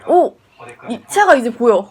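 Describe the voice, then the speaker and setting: A woman's voice: on the high side, animated, a little slow, a little mellow. A woman in her thirties chatting casually to her viewers as she eats, narrating her day. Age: 30s. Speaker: vlogger. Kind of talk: casual vlog chat. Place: cafés and lodging, indoors.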